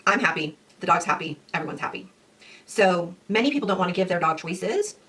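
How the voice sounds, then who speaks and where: Animated woman dog trainer, mic at a distance. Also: lowish voice, fairly quick. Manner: animated, acts out owners and dogs in quoted voices. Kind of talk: casual instructional talk.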